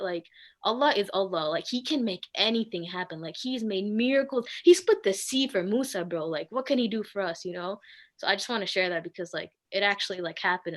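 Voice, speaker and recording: A woman's voice: mid-range voice, fairly bright tone. A young woman co-hosting a talk show, telling a personal story in a chatty way with many filler words. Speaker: co-host.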